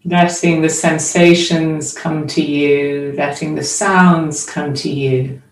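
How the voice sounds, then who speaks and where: A meditation teacher with a low, darkish voice guides a meditation slowly, giving spoken instruction in short phrases separated by long pauses. Her measured delivery is captured on a distant microphone, leaving a roomy echo.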